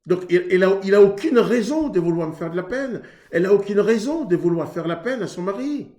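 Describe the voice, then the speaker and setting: A man's voice: high voice, lively intonation, brisk, dark tone, roomy sound. A man from Haiti preaching earnestly on marriage, in a conversational way that acts out both sides of a couple's exchange. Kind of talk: sermon on marriage.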